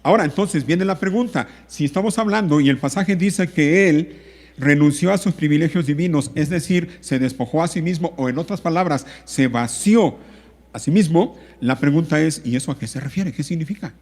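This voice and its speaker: A man's voice: on the high side, moderate pace, a little mellow, in a large hall. A man preaching a sermon as pastor, speaking with emphatic repetition and drawing out key words. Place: church.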